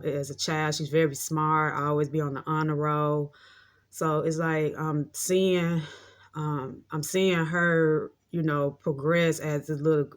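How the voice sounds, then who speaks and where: A woman in her late thirties telling a rambling, heartfelt story in a casual monologue, often repeating herself. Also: deep voice. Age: 30s. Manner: heartfelt, reflective. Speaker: vlogger.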